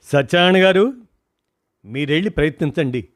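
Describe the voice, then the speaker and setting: A composed middle-aged male doctor speaks with quiet authority, reassuring the family and telling them exactly what to do, voiced by a man reading a story. His voice sits a touch above the reader's usual pitch and sounds close and dry. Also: a little slow, no room sound. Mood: calm, directing. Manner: steady, reassuring, gives firm instructions.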